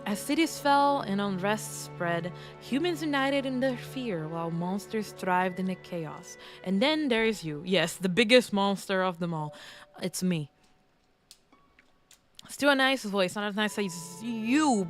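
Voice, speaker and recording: A woman streamer with a congested, throaty, medium-pitched voice chats playfully and reads game text aloud over game music. Her expressive, unhurried delivery is playful and self-mocking, with frequent restarts.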